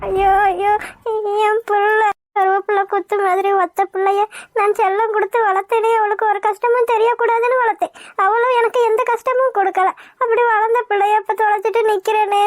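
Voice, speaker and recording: A woman's voice: very high-pitched, flat delivery, fairly quick, no room sound, studio quality. Woman voicing Shanthi, a tearful grieving mother. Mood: sobbing. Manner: sobbing, pleading. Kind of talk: cartoon voice acting.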